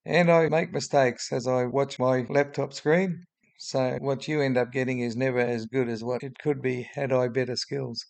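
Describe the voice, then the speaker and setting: A man's voice: mid-range voice, steady tone, normal speed. A man in his seventies with a broad Australian accent and a droning voice, giving blunt, opinionated spoken commentary as a video host. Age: 70s. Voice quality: droning, gravelly.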